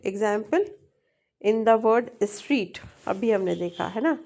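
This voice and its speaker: A woman with an Indian accent teaching a linguistics tutorial, switching between Hindi and English, reading definitions slowly and often checking in with her students. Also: medium pitch, animated, a little mellow. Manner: frequent checking tag questions. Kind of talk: explaining at a board in mixed Hindi and English.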